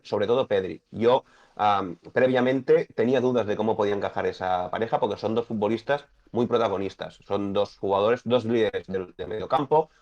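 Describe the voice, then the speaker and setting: A man with a Spanish accent, a football pundit talking in a measured, thoughtful way on a sports talk show. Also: fairly low pitch, darkish tone. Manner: measured, thoughtful, builds points slowly. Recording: dull lo-fi sound.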